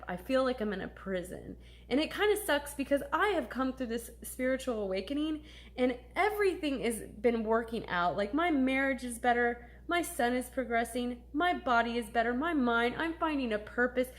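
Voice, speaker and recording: A woman's voice: fairly high pitch, lively intonation, moderate pace. A woman in her thirties talking candidly and emotionally in a personal vlog, swearing casually as she confides. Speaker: vlogger.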